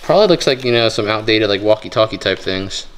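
A young man casually narrating a vlog as he digs through a storage unit, joking and thinking out loud. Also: lowish voice, animated, quick pace, a little hiss or hum. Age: young adult. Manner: chatty, joking, thinking aloud while rummaging. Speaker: storage unit treasure hunter. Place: indoor metal storage unit.

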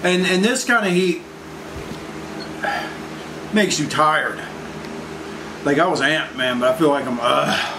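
Man, thirties, food-challenge vlogger, strained from spice, raised pitch, unhurried, with clear room noise. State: eating very spicy food, strained. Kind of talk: casual vlog chat. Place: home dining room, indoors. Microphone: camera across the table. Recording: noisy room with air conditioning hum.

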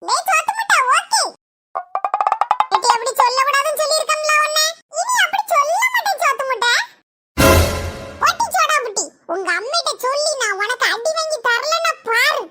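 A woman voicing a cheeky, greedy little village girl in a cartoon, with a squeaky child voice, a Kanyakumari Tamil accent and a whiny, teasing way of talking. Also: lively intonation, normal speed, loud music behind the voice.

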